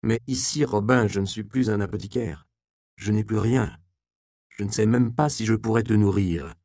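A man voicing a gruff, stern middle-aged male apothecary in an audiobook, speaking in a measured way. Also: on the low side, darkish tone, dry recording, clean studio sound.

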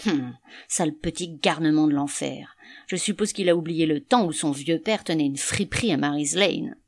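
A woman's voice: low voice, normal speed. A woman reading an audiobook, voicing a grumbling, scornful middle-aged male canvasser with an indignant, sneering manner.

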